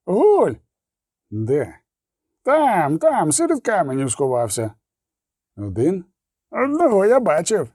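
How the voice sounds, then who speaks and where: A man voicing a jumpy, excitable male gnome in an audiobook, insistent and anxious. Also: fairly high pitch, takes it slowly, pauses often, dry recording, clean studio sound, heavily acted. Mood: jittery.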